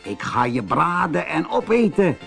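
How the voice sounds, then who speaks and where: A man's voice: fairly high pitch, very animated, unhurried, gravelly, fairly bright tone, faint music behind, voice pushed up, full character voice. A man voicing a vengeful, scheming male fox in a storybook, sneering and gloating.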